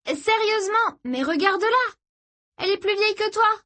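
Woman putting on a teenage girl, fifteen, high-pitched, blunt, sarcastic, audiobook dialogue. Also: animated, moderate pace, sharp tone, full character voice. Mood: teasing. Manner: teasing, skeptical sister.

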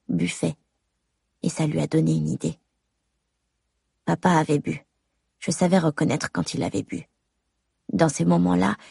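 Gravelly, husky woman narrating an audiobook. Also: fairly low pitch, a little mellow, no room sound, clean studio sound. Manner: measured, intimate, addressing the mother. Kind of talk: first-person audiobook narration.

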